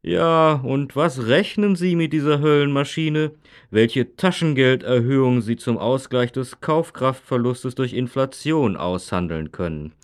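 A man's voice: mid-range voice, a little slow, close to an everyday voice. Guy playing grumpy old dad in a lesson dialogue, grumbles about today. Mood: grumbling, nostalgic. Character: grumpy old father nostalgic for the good old days. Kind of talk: scripted language-lesson dialogue.

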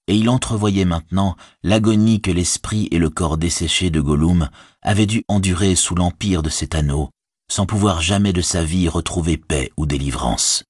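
A man narrating a fantasy audiobook in a measured, expressive reading voice. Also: low-pitched, husky, no echo, clean studio sound.

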